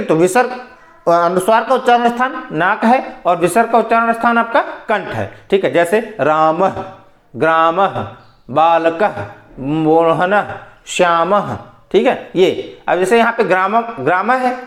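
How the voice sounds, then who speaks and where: A man's voice: high-pitched, reverberant. A man teaching an exam-prep grammar lesson in Hindi with a Hindi accent, explaining step by step, asking questions and answering them himself. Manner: explanatory, repeats "ठीक है" and asks and answers his own questions.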